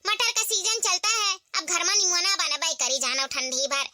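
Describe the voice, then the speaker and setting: A scolding old village mother-in-law with an Awadhi accent, as a woman acts her out for a cartoon. The voice is very high and piercingly bright, and it sits dry and close on the mic. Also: moderate pace, no echo, full character voice. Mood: advising. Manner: scolding, lecturing. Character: old village mother-in-law, grumbling about modern ways.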